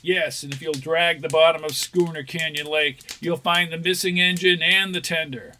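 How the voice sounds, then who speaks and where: Young reporter hero, polite and sure of himself, old hissy radio show. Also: male voice, fairly high pitch, fairly even intonation, normal speed, sharp tone. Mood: assured. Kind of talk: 1940s radio serial acting. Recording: noisy vintage 1940s radio recording.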